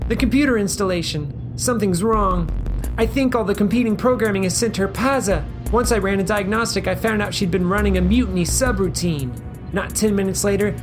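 A man voicing a ship engineer who talks to his captain from inside an air vent, urgent and polite, with music playing behind him. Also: high-pitched. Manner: urgent, polite, keeps calling him sir. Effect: voice heard from inside an air vent.

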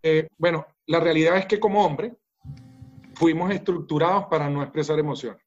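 A man's voice: on the high side, moderate pace, lo-fi sound. A man with a Venezuelan accent, a business coach speaking in a podcast interview, emphatic and talking straight to the listener.

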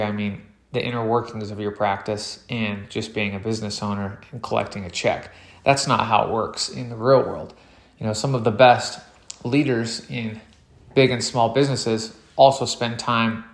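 A man's voice: fairly low pitch, moderate pace, roomy sound. Nasal-sounding man hosting a podcast. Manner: relaxed, rambling, many fillers. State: recovering from nasal surgery, talks a little funny. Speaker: podcast host. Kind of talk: casual solo podcast talk.

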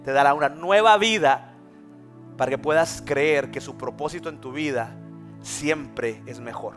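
A man in his twenties from Mexico, a pastor with a northern Mexican accent, preaching a sermon and telling stories in an animated way. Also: on the high side, unhurried, soft background music. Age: 20s. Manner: animated, vivid storytelling preacher. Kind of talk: sermon with storytelling.

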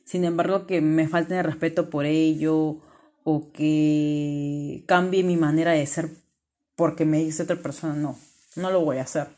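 A woman hosting a self-help podcast, talking straight to the listener in an earnest, encouraging way. She says her voice is naturally loud. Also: deep voice, steady tone, a little slow. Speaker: podcast host.

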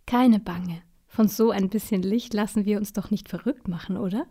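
A woman's voice: mid-range voice, moderate pace, breathy edge. A woman voicing a kindly, secretive little sandman who whispers in a bedtime story. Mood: gentle. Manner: hushed, whispering.

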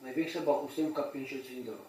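A man co-hosting a casual podcast chat, animated and quizzing the others. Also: medium pitch, fast talker, a little hiss or hum. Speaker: podcast co-host. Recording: echoey room, far from mic.

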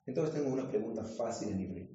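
Rabbi teaching in an echoey hall. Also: male voice, medium pitch, expressive, quick pace, dark tone. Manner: jokes and quizzes the audience with questions. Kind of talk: lively Torah class in a synagogue. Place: synagogue hall. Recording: echoey hall, dull lo-fi sound.

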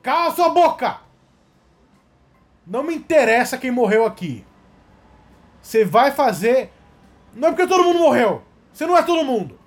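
A man voicing a strict, furious middle-aged father who yells repetitive scoldings at his son. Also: high-pitched, slightly rough, heavily acted.

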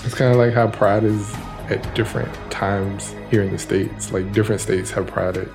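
A man's voice: fairly low pitch, steady tone, moderate pace, music in the background. A young man co-hosting a casual podcast, answering trivia with easygoing short replies. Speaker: podcast co-host. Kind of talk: casual chat.

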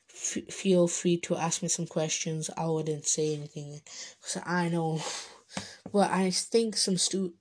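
An eighteen-year-old woman from Bangladesh, hosting her own casual podcast. She rambles, hesitates and restarts her sentences often. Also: on the low side. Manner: chatty, informal. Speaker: podcast host. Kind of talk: casual solo podcast monologue.

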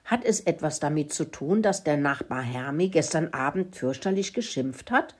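Woman voicing a wise stern tomcat, lecturing, lively melody, storybook. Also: deep voice, moderate pace, slightly rough. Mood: probing.

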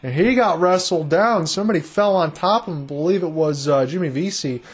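Male live hockey caller, high-pitched voice, conversational and chatty with listeners. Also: a little fast, husky. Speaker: hockey play-by-play commentator. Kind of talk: live sports commentary.

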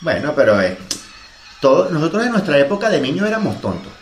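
A middle-aged Venezuelan man co-hosting a casual podcast, with a somewhat high and very animated voice. He reacts with quick teasing quips. The room around him rings with echo. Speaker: podcast co-host. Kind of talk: casual chat. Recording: echoey room.

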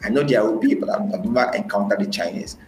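A Nigerian man with a Nigerian accent speaks as a podcast guest, recounting his experiences in a conversational interview and often repeating phrases for emphasis. His voice sits on the low side with a darkish tone, and he talks at a quick pace. The recording has a roomy echo and faint music.

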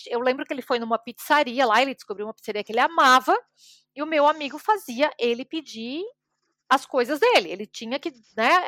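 A woman's voice: a little high, no room sound, studio quality. A woman hosting a podcast in casual chat, telling anecdotes and acting out the dialogue in them. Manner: animated anecdotes, acts out dialogue. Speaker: podcast host.

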